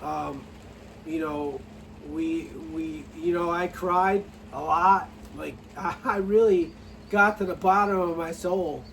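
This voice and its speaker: A middle-aged man, a farmer, telling his story in a rambling, halting way with many restarts and some dry sarcasm. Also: a little high, steady tone, creaky, a bit bright, recorded from a distance, a little hiss or hum, poor audio. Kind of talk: casual personal story to camera.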